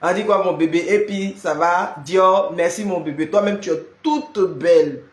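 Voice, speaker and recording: A man's voice: high-pitched, moderate pace. Chatty man, roomy sound. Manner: chatty, greets viewers by name, peppers speech with "là" and "hein". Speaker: live-stream prayer host. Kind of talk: casual live-stream chat with viewers. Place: home. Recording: roomy echo.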